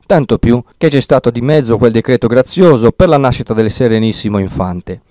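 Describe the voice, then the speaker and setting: A man's voice: mid-range voice, brisk, dry recording, studio quality, lightly acted. A man voicing a timid, fussy old village priest who rambles and frets in an audiobook reading. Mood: placating. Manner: fretful, rambling, excitable.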